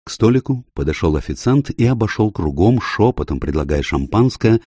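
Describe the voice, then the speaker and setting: A man reading an audiobook aloud with steady, expressive narration. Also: lowish voice, normal speed, slightly rough, no echo, studio quality.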